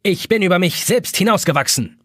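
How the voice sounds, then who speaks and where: A man's voice: a little high, animated, fairly quick, breathy edge, no echo, clean studio sound. A man voicing a vengeful giant pocket watch villain that barks threats. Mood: menacing. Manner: threatening, barking proclamations.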